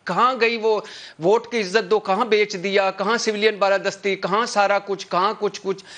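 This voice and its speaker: A man's voice: high-pitched, little pitch movement, a bit bright. A man speaking as a political commentator on a TV talk show panel, impassioned and repetitive, with many filler sounds and restarts. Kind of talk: heated TV talk show debate.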